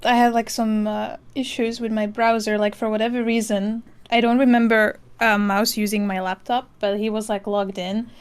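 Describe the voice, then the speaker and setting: A woman's voice: on the high side, little pitch movement, moderate pace, few pauses, clear, resonant tone. A woman with a foreign accent co-hosting a podcast, telling a story casually with a lilting, soothing voice. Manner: storytelling, quotes herself, lilting. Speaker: podcast co-host. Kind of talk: casual chat.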